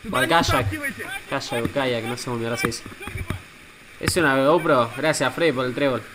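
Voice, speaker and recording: A man with an Argentine accent, reacting live as a streamer, excitable and casually swearing while he greets his chat. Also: mid-range voice, moderate pace, crowd noise. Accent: Argentine Spanish.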